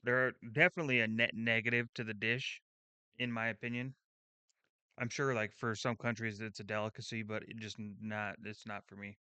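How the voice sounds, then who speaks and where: A young man reacts to a food video in a loose, blunt way, swearing and restarting his thoughts as he goes. His voice is bright and smooth. The recording is dry and close, with no room sound. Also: on the low side, level tone, moderate pace, no room sound. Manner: blunt, swears freely, thinks aloud with restarts. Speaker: channel host reacting to a video. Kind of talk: casual reaction commentary.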